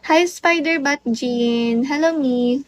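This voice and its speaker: A woman's voice: high-pitched, slow. A young Filipino woman with a Filipino accent, livestreaming from home on her phone and greeting viewers one by one in a playful, teasing way. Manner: switches between Tagalog and English, playful and teasing. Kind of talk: casual live stream chat greeting viewers.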